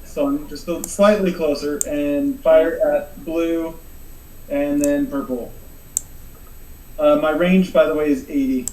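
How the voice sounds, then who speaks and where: A player chatting casually in a tabletop game, playful and quick to laugh. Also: female voice, deep voice, fairly even intonation, echoey room, recorded from a distance, poor audio. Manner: playful, laughs a lot, shouts out.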